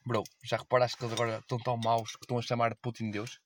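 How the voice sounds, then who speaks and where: A man's voice: mid-range voice, little pitch movement, very fast, slight background noise. A young man with a European Portuguese accent in a casual podcast chat with friends, slangy and full of swearing. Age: young adult. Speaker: podcast co-host.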